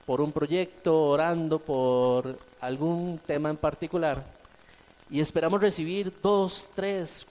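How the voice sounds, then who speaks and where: A man preaching a sermon, swinging between emphatic and soft delivery and repeating key phrases for emphasis. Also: a little high.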